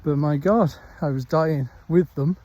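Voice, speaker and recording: A middle-aged vlogger from Wales takes his dog for a countryside walk, chatting casually into a handheld phone. His voice is a little high and warm, and he rambles at a relaxed pace, stopping often.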